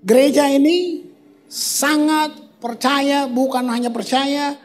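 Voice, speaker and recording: A male pastor preaching a lively evening prayer sermon in a church service, animated and playful, with colloquial slang, rhetorical questions and acted-out sounds for emphasis. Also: very high voice, slow. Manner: acts out sounds and cries for emphasis.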